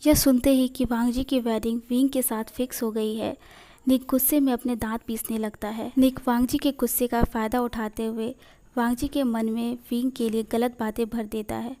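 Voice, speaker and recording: A woman narrating a fan fiction story aloud in a steady, plain reading style. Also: a little high, moderate pace.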